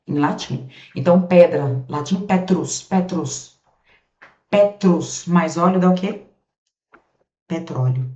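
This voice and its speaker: Brazilian woman, grammar teacher. Chatty, talks straight to the class, spells sounds slowly. Recorded on a camera, roomy and a bit dull. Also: fairly low pitch, warm tone. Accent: Brazilian Portuguese. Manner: chatty, calls students "gente" and "amores", asks questions for them and answers them. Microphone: camera set up in front of her.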